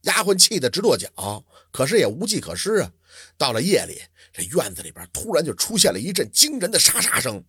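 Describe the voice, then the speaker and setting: A male storyteller with a husky, raspy voice who tells a traditional tale with dramatic flair. His pitch sits a bit high and swings widely. The recording is dry and close. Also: a little fast, no echo. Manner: dramatic, lively, vivid delivery.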